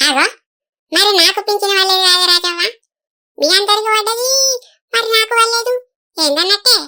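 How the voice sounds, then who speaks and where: A woman's voice: very high-pitched, normal speed, bright, forceful tone, full character voice. A woman voicing a scheming old village woman who wheedles for money and protests her innocence. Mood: wheedling. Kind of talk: cartoon voice acting.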